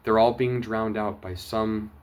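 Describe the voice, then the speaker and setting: A man sharing a personal testimony, earnest and emotional, going from urgent bursts to hushed quiet. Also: lowish voice, little pitch movement, unhurried. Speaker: testimony vlogger.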